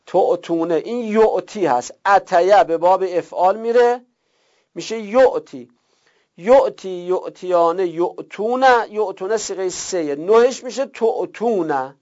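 A man teaching a Quranic Arabic grammar lesson, drilling verb forms slowly one by one. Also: high-pitched, a little mellow. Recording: gravelly, dull lo-fi recording.

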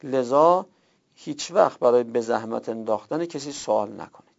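A man's voice: medium pitch, lively intonation, creaky, highs cut off. A man teaching a class on Arabic word forms, explaining points step by step and often repeating words and stressing what is new. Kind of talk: classroom lecture.

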